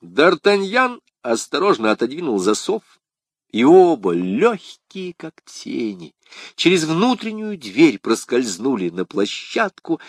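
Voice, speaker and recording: A man narrating a historical adventure novel as an audiobook, in an expressive, dramatic reading. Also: mid-range voice, husky, no room sound, studio quality.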